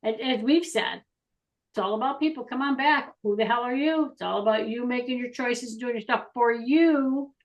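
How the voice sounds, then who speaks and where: A woman's voice: a little high, moderate pace, dull audio. A woman co-hosting a casual talk show, rambling and laughing easily, with filler sounds like "da, da, da.". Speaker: co-host. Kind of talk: casual chat.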